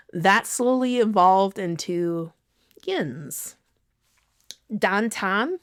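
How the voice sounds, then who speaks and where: A woman hosts a podcast in a slow, unhurried scripted monologue, her voice lowish and smooth. She is giggly and self-deprecating, laughing at her own slips and apologizing for them. The sound is close and dry. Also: dry recording. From not from the city she lives in now. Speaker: podcast host.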